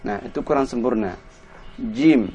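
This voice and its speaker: Teaching Quran pronunciation, a man with a somewhat mellow, high-leaning voice works slowly through a tajwid lesson. He drills each letter and syllable patiently, spelling sounds out and repeating them.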